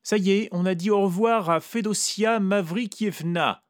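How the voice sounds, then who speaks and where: A man's voice: high-pitched, moderate pace, no echo, studio quality, voice pushed up, close to an everyday voice. A man voicing a weary, blunt woman who coaxes and teases in a coarse, familiar way, reading a story aloud. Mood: sentimental.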